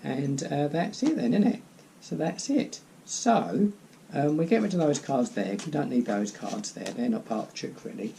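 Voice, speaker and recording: Male amateur magician, soft-edged low-key tone with fry, rambling card-trick patter, slightly noisy home recording. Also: sing-song, moderate pace. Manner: rambling, repeats phrases, self-deprecating asides.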